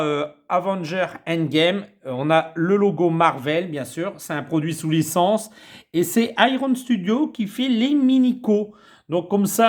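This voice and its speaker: A man chatting casually as he unboxes a collectible figure, rambling with many fillers. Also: high-pitched. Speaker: toy collector vlogger.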